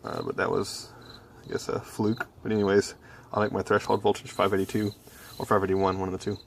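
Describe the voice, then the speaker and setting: A young adult hobby electronics vlogger gives a casual, low-key walkthrough of his project at a small, cluttered home workbench, thinking aloud hesitantly as he goes. Recorded on a handheld phone camera, his delivery is flat, a little fast and creaky, with slight background noise.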